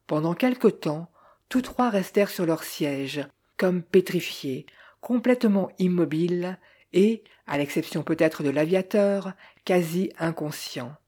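A woman narrating a novel in a measured, unhurried reading. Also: fairly low pitch, warm tone. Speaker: audiobook narrator. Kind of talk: scripted literary narration.

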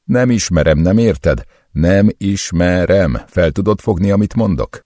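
A man reading an audiobook voices a terrified, foul-mouthed captive man who shouts in panic. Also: rumbling low, wildly swooping pitch, creaky, husky, dry recording, studio quality, voice pushed up, heavily acted. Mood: desperate. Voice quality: shouting, frantic.

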